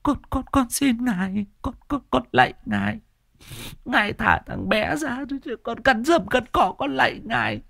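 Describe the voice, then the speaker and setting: A man's voice: very high-pitched, wildly swooping pitch, moderate pace, creaky, a bit bright, no room sound, clean studio sound, voice pushed up, heavily acted. A man voicing a terrified old grandmother who begs and wails with a stammer. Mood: begging. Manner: stammering, desperate begging. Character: frightened old grandmother, pleading and wailing.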